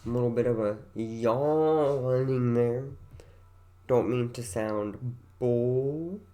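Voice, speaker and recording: A man's voice: medium pitch, takes it slowly, warm tone. A tired man in his thirties talks casually to the camera in a light West Virginia country accent. He rambles and meanders, pokes fun at himself, and drifts into repeating his words. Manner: meandering and self-deprecating, trails off into repeated words. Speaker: vlogger.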